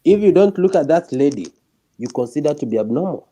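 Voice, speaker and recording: A man's voice: fairly high pitch, animated, brisk, dark tone. A man with a Kenyan accent chatting casually and telling stories, switching between Swahili and English. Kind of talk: casual chat, storytelling.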